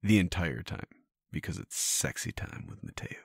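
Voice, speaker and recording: A man's voice: low-pitched, animated, moderate pace, creaky, slightly rough, no room sound, studio quality. A man co-hosting a podcast in casual chat, teasing his co-host and often repeating words as he restarts.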